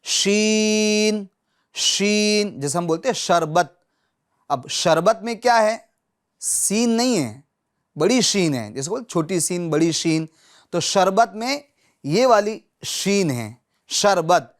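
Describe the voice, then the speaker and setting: A man teaching Quran recitation who says each letter sound slowly and loudly, again and again, and stops often to check that his students are following. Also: high-pitched, sing-song. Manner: patient, checks in often with short confirmations. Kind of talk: Urdu lesson on pronouncing Arabic letters.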